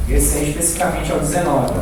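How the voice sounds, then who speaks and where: In a very echoey indoor room with faint noise, a high-voiced Brazilian man teaches a live church class, sounding distant. His style is informal and didactic: he talks fast with fairly even intonation, repeats words for emphasis, and keeps asking his listeners questions.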